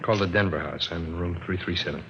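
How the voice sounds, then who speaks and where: In a dull, very noisy old broadcast of a 1950s radio crime drama, an actor with a low, creaky voice talks quickly. He plays a sleazy, chummy peddler of illicit picture books, wheedling through slangy salesman patter in a friendly, dealing mood.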